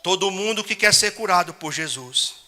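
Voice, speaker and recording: A man's voice: high-pitched, expressive, moderate pace, bright, forceful tone. A man preaching a sermon in a chapel, telling folksy stories and exhorting the congregation. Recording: long chapel reverb.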